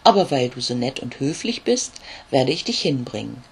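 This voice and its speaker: A storyteller voicing a big, friendly male raven who croaks and speaks in a kindly, obliging way. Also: mid-range voice, sing-song, moderate pace, full character voice.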